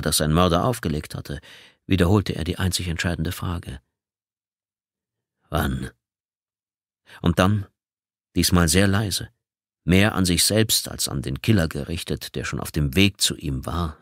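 A male narrator reads a thriller audiobook in a measured, suspenseful way. His voice is deep and low. The recording is close and dry, with no room echo. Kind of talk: scripted narration.

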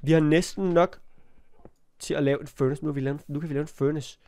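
Young guy with a cold, higher voice, chatting thru a minecraft let's play, yelps when stuff attacks. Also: fairly even intonation, warm tone. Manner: chatty, talks to the game animals, yelps when startled. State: has a cold. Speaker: gaming YouTuber.

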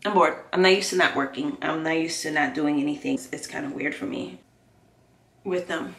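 A woman's voice: deep voice, a little fast, gravelly, fairly bright tone. A woman vlogger chatting candidly and rambling while she does her makeup at home. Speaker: beauty vlogger. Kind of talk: casual get-ready-with-me chat. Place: home, indoors. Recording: echoey room.

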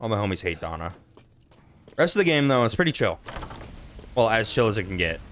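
Excitable cursing gaming commentator, man. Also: on the low side, fairly quick, a little hiss or hum. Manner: expressive, profane, excitable. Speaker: gaming streamer. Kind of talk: casual let's-play commentary.

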